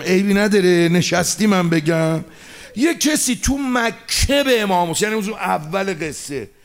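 A man's voice: high voice, vocal fry. A man giving a mourning sermon, lamenting and chanting with emotion. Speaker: mourning preacher.

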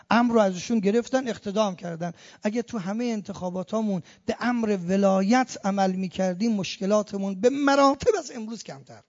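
Impassioned man preaching in a hall. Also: high-pitched. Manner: impassioned, rising to emphatic peaks; chants Arabic verses slowly. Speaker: cleric. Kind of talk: sermon. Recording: muffled, long hall reverb.

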